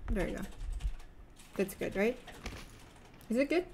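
A young woman streaming a game, chatting casually and yelling out when she's startled. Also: a little high, expressive, a little slow, slight background noise. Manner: jumpy, yells suddenly, chatty. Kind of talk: casual gaming chat.

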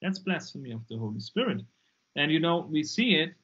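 A man's voice: a little high, big pitch swings, brisk, a bit bright, muffled recording. A man in his forties from Germany with a German accent, a non-native English speaker talking emphatically as a guest on a video call through earbuds, often repeating words. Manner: emphatic, repeats words when pressing a point. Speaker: guest, deliverance minister. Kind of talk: casual interview talk. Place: dim room indoors.

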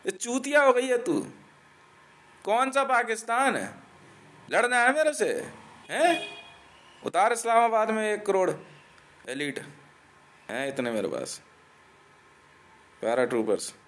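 A man's voice: sits high, very animated, slow pace, pauses often, a bit bright, a little hiss or hum. A man from India delivering a profane ranting monologue, aggressive and taunting, swearing constantly and laughing between threats.

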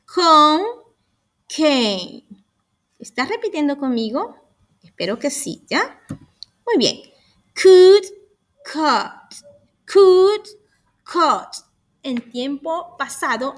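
A woman's voice: high-pitched, fairly bright tone. A woman teaching English vocabulary, patiently repeating each word for students to echo and coaxing them along. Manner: affectionate, coaxing. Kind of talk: slow drilled vocabulary lesson.

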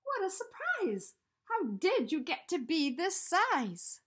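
A woman voicing a young boy in a storybook who exclaims in a high, anxious voice. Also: huge pitch swings, slow pace, full character voice. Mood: surprised.

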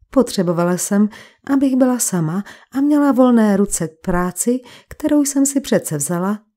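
A woman's voice: medium pitch, warm tone, natural voice. A woman voicing a secretive young woman who earnestly explains herself in a crime audiobook.

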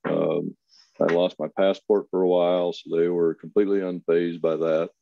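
A man in his fifties from Kansas giving a volunteer talk on a webinar, plainspoken and pausing often with fillers. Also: low-pitched, little pitch movement, gravelly, no room sound. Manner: plainspoken, many pauses and fillers. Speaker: volunteer consultant speaker. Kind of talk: webinar presentation. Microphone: video call. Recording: dull, lo-fi webinar audio.

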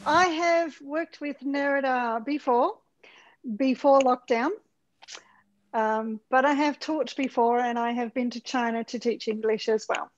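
A woman's voice: sits high, measured pace, slight background noise. A woman who is a visiting English teacher, greeting students in a friendly online class over a video call. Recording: dull lo-fi video call audio.

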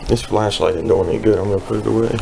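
A man with a low, gravelly voice talks in muttered asides as he picks his way through a dark abandoned house. The sound comes off a handheld camera mic, with plenty of hiss and noise. His remarks stay hushed and wary. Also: steady tone, rapid-fire. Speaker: urban explorer filming. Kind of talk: casual handheld exploring commentary. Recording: noisy handheld camera audio.

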